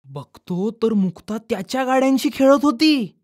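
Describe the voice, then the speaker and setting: A woman narrating a children's storybook in a calm, expressive way. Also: a little high, moderate pace.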